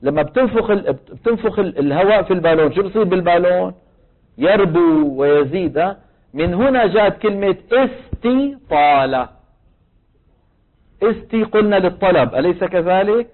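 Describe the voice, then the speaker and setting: A man's voice: high voice, expressive, moderate pace. A man with a Levantine Arabic accent teaching a tajweed lesson on Quran recitation. He explains patiently and keeps asking the class questions that he then answers himself. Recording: thin, phone-like recording.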